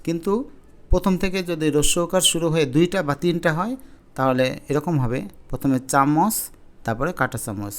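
A man with a voice on the high side teaches a spelling lesson to exam students, explaining slowly and repeating each spelling step.

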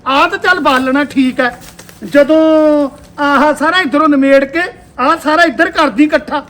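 A man's voice: very high voice, normal speed. A man with a Punjabi accent playing a bossy, scolding old mother-in-law in a village comedy skit. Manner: scolding, sharp-tongued, cursing. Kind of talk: rural comedy skit acting.

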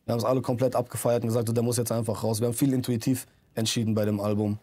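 A man in his thirties talks earnestly in a music studio interview, rambling through fillers and restarts. His voice is mellow and dark, and he speaks into a handheld mic held out to him. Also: mid-range voice, flat delivery, racing. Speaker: rapper, interview guest. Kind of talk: casual interview talk.

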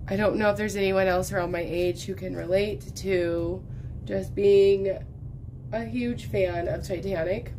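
Warm and unhurried, a medium-pitched woman in her thirties chats at an indoor craft table as she diamond paints, wandering between thoughts. The crafting vlogger coughs while getting over a lost voice; her tone stays steady in a rough recording with slight background noise.

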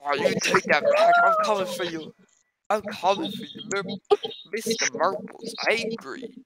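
A woman voicing an unhinged, menacing schoolteacher in an improvised game role-play, creaky and taunting with drawn-out threats. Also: medium pitch, a loud crowd, lightly acted, rough recording. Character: unhinged, menacing psychopathic schoolteacher hunting pupils.

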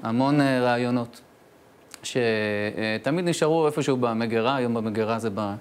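A man, a speech therapist guest, casually recounting his experience with frequent filler pauses. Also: medium pitch, smooth. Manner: storytelling with frequent hesitations. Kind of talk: casual studio chat.

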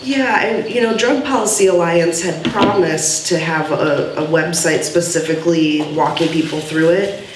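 A woman with a fairly low voice moderates a panel discussion from a podium at normal speed, speaking earnestly with many fillers and taking audience questions. The setting is an indoor gallery event room, captured by the podium mic from a far camera. The sound is roomy and distant, with faint hiss.

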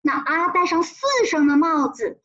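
On a muffled recording, a woman primary school teacher gives a kids' pinyin lesson in a high, slightly bright voice with fairly even intonation. She demonstrates the tones with long, sing-song drawn-out sounds and prompts the class to echo her.

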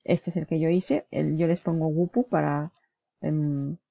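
This online business vlogger has a deep, gravelly voice with fairly even intonation and a slightly slow delivery. Walking casually through her computer screen, she chats, corrects herself mid-word, and keeps asking her viewer "¿vale?" The recording is muffled, with no room sound.

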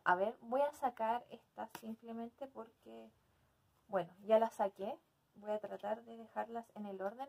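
Casting: young adult woman, mid-pitched voice, hesitant and casual, as an unboxing vlog host. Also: darkish tone. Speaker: video host. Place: small decorated room indoors.

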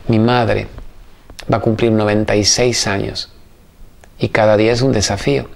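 A middle-aged man with an Argentine accent, hosting a motivational talk for a studio audience and telling stories that alternate fast bursts with slow, emphatic phrases. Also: fairly low pitch, little pitch movement, creaky. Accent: Argentine Spanish. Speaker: TV host.

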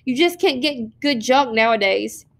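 A cruel teenage bully boy, put on by a woman reading aloud, taunting and bossy. His voice sits fairly high, and he mocks with cold contempt. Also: animated, a little slow. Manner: mocking, taunting, commanding.

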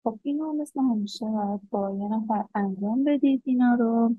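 A woman teaching English grammar, saying each English example slowly and deliberately before explaining it. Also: fairly high pitch, slightly rough, no echo. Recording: dull lo-fi sound.

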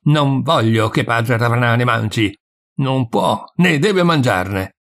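A man voicing a hot-tempered male sacristan who shouts and scolds, with a gravelly, husky voice, in an audiobook reading. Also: medium pitch, takes it slowly. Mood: furious shouting. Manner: furious, scolding outbursts. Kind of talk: audiobook reading of a short story.

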